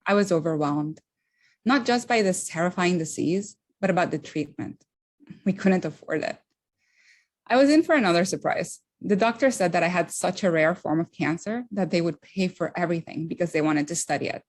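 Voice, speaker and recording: A woman from Honduras with a lowish voice delivers a prepared speech as an immigration attorney. She speaks earnestly and at a measured pace, slowing down to stress key moments.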